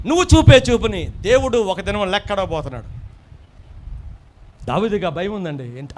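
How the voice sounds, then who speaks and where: High-voiced preacher, emphatic swells. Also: male voice. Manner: preaching with loud emphatic swells and repeated phrases. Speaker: pastor. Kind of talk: sermon.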